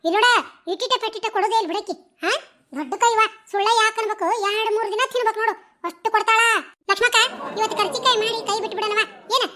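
A woman's voice: extremely high pitch, fairly even intonation, quick pace, sharp tone, slight background noise. A woman voicing a chatty, stingy older village woman in a cartoon comedy, speaking with a North Karnataka Kannada accent, bantering, laughing, and stammering when she is caught out. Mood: gossiping.

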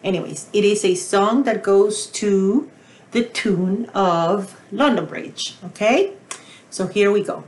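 A woman librarian leading a pre-recorded baby story time with songs and rhymes, talking in a slow, sing-song, encouraging way to toddlers and counting in Spanish now and then. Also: medium pitch. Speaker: children's librarian. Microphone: pre-recorded video.

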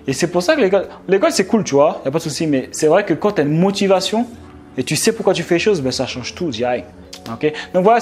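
A young Frenchman who runs an online business vlog gives casual, slangy advice straight to camera, full of fillers and restarts. His voice is on the high side and a little mellow, with faint music playing behind.

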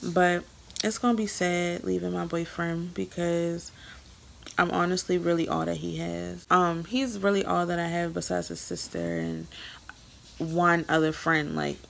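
A woman's voice: lowish voice, a little slow, gravelly. A young woman talking candidly and chattily to her viewers in a casual vlog, filmed on a handheld phone. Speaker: vlogger. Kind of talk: casual vlog talk to camera. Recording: heavy background noise.

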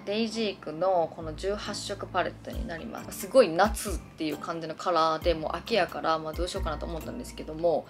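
Chatty Kansai-accented young woman vlogger. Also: on the low side. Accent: Kansai Japanese. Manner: rambling, animated storytelling. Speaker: beauty vlogger. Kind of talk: chatty makeup tutorial.

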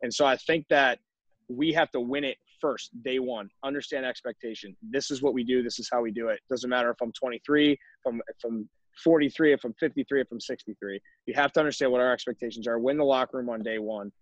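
This young man, a college baseball coach, talks fast in a mid-range voice with no room sound. He addresses other coaches emphatically over a video call, frequently adding "right?" after his points, and the audio is dull and dry.

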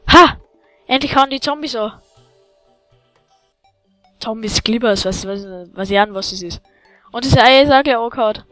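A woman giving excitable let's-play commentary, yelling at enemies and chatting to viewers, with faint game music behind. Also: a little high, normal speed, long pauses, no echo, low-quality recording.

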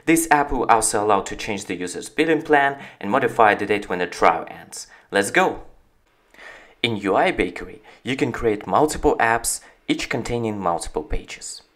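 In this screen-recording voice-over, a founder demonstrates his company's software through a tutorial. He has a fairly low pitch, speaks at normal speed, and keeps his explanation steady.

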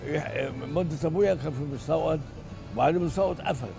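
An elderly man with an Egyptian Arabic accent, a restaurant owner answering interview questions outdoors on a street, halting and repeating himself. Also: on the high side, vocal fry, music in the background. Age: older. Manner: halting, repeats the host's words, stumbles and restarts.

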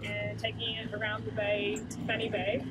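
A woman's voice: medium pitch, completely flat delivery, normal speed, over loud music. A young woman chatting casually and jokingly on a sailboat. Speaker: sailing vlogger. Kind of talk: casual vlog chat. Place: sailboat outdoors on the water.

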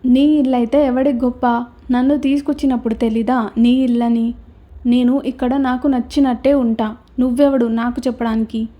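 A woman voicing an angry, defiant young woman who shouts and talks back rudely in a storybook reading. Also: on the high side, little pitch movement, normal speed, lo-fi sound, lightly acted. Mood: defiant anger. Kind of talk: storybook character voice.

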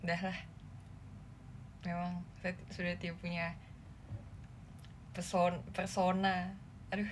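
A woman's voice: on the low side, completely flat delivery, takes it slowly, pauses often. A young woman hosting a casual livestream, talking in a flustered, embarrassed, giggly way. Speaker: idol livestream host. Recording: faint background noise.

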